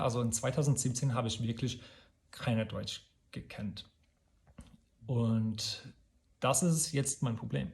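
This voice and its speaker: A man with an American accent speaks German as a second language to his native English. His delivery is slow and halting, in a mid-range voice, as he searches for the right word and corrects himself. It is a casual, personal vlog monologue. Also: mid-range voice, darkish tone. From United States. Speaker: video channel host.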